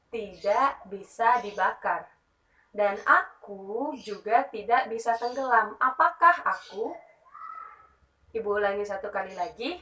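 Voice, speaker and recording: A woman's voice: on the high side, sharp tone, reverberant, far from the mic, low-quality recording. A young woman teaching a lesson for young children as a primary school teacher, explaining patiently and often checking in with "nah" and "ya".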